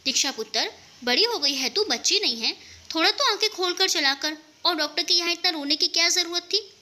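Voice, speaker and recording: A woman's voice: very high-pitched, lively intonation, a little fast, pushed and bright, full character voice. A woman voicing a stern but doting father who scolds his daughter. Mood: scolding.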